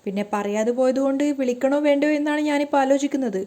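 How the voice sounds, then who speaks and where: A woman's voice: high-pitched, fast talker, mellow, natural voice. Woman reading a fumbling young husband. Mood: hesitant.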